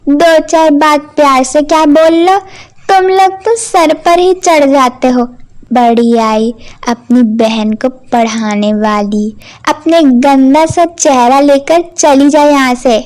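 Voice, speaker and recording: A cruel cartoon stepmother barks insults in a raised, higher-than-usual voice, put on by a woman. She is harsh and domineering, loud and sharp-edged. The delivery is slow and deliberate. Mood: scornful angry. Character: cruel scolding stepmother, middle-aged woman. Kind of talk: cartoon voice acting.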